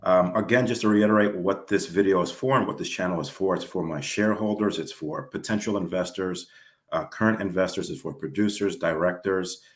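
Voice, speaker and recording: A man hosts a casual video interview in a low, deep voice, upbeat and fond of doubling his words for emphasis. The sound is roomy, with noticeable echo around him. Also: a little fast. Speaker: host and filmmaker.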